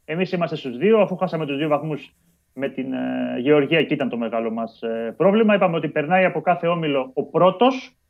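A man's voice: fairly high pitch, creaky. A man reporting on national football team news as a guest on a live show. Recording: dull lo-fi call audio.

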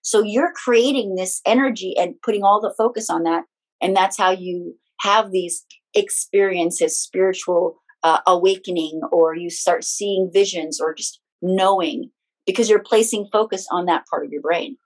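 A woman speaking as an interview guest and healing practitioner, explaining things conversationally in halting steps with restarted phrases. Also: mid-range voice, rough recording.

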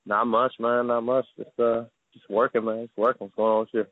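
A man's voice: mid-range voice, level tone, fairly quick, dry recording. A man in his twenties from Maryland, a rapper talking about himself in a laid-back, modest way over a phone line. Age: 20s. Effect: heard over a phone line. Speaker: rapper, interview guest. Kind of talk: casual phone interview. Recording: tinny dry phone line.

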